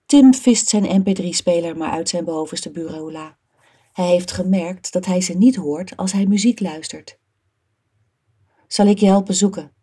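A woman reading a children's story aloud as narrator, soft and even. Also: lowish voice, moderate pace, slightly rough.

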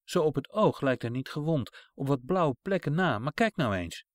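A gentle, caring woman from a storybook speaks softly and coaxingly, as a male reader puts her on. Her voice sits high and moves lively in pitch, and the sound is dry and close. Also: moderate pace, no echo. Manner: soft, soothing, coaxing.

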